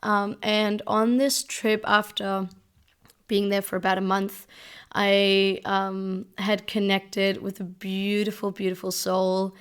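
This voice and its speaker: Twenty-something woman from denmark hosting her podcast, super unhurried, crisp clean voice, soft and reflective. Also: medium pitch, flat delivery. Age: 20s. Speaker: podcast host. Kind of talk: casual solo podcast talk.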